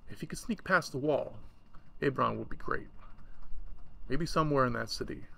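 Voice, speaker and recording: A man reading a short story aloud in a relaxed way, stopping now and then for casual asides. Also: mid-range voice, normal speed, vocal fry. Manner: relaxed, chatty asides between passages.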